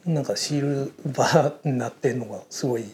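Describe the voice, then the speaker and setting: Host, male, loose rambling delivery, mid-pitched. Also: moderate pace, noisy background. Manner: rambling, many fillers, thinks aloud. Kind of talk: casual interview chat.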